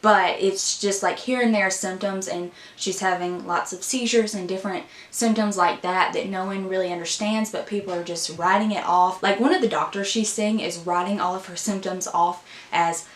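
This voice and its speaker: A woman's voice: mid-range voice, fairly even intonation, moderate pace, few pauses. A woman talking casually to her viewers as a book vlogger, upbeat and chatty. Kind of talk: casual chat. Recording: roomy echo.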